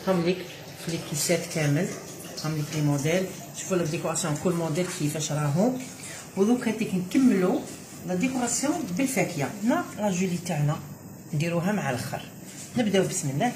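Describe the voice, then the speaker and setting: A woman with an Algerian Arabic accent hosts a home cooking demonstration, repeatedly telling viewers to look as she works and mixing French words into her speech. Her lowish voice has lively intonation and a rapid-fire delivery. Background noise can be heard.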